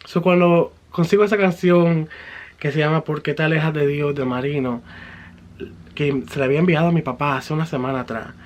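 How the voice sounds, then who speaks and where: A man's voice: a little high, dull audio, slight background noise. A man giving a personal religious testimony in an earnest, fervent way, slipping English words into his story.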